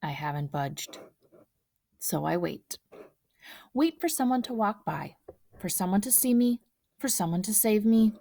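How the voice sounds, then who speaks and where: Female storybook reader, soft and hushed, close and dry, medium pitch. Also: lively intonation, unhurried, creaky, pauses often, no room sound. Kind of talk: reading a picture book aloud.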